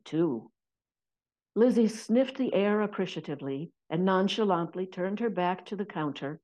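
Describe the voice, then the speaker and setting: A woman narrating a historical novel aloud in a measured, descriptive storytelling manner. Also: on the low side, a little mellow, dull audio. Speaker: audiobook narrator. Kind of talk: scripted narration.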